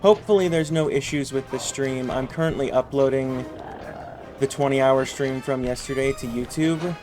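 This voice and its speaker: A man's voice: medium pitch, moderate pace, a little mellow, faint music behind. A man chatting casually and rambling while streaming a video game. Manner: rambling, laid-back. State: rough voice warming up. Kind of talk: casual chat over gameplay.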